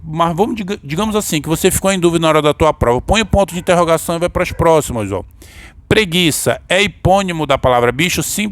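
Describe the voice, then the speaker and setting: A man's voice: a little high, a bit bright, no echo. A man with a Brazilian accent teaching an exam-prep grammar lesson, explaining step by step and often checking in with his listeners.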